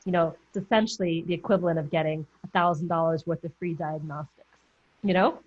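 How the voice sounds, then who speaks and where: A business mentor runs a group coaching call, giving chatty, encouraging feedback and often correcting herself mid-thought as she thinks aloud. Her voice is lowish with fairly even intonation, and she talks fairly quickly. The video call audio is dull and muffled.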